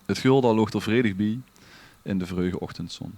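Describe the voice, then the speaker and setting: With a Limburgish Dutch accent, a man reads a scripted story aloud in a theatrical, literary style, like a podcast storyteller doing dramatic narration. His voice is fairly low and mellow, his pace normal, and there's no room sound.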